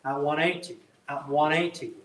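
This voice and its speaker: A man calls a live auction in a slightly raised pitch. His patter is polite and repetitive, circling through numbers and bids. The sound is echoey, with his voice some way from the microphone. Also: fairly even intonation, normal speed, a bit bright, recorded from a distance, a little hiss or hum. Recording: echoey room, picked up from afar.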